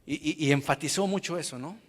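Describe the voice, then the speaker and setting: A man preaching a sermon, swinging from hushed tones to shouting and calling his listeners brother. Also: on the high side, brisk, big-room sound.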